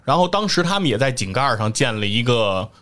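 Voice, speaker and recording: A man with a Beijing accent talks casually as if among podcast friends. His pitch is mid-range and moves a great deal. His wording is colloquial, full of erhua, and often turns to questions. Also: very animated, fast, fairly bright tone.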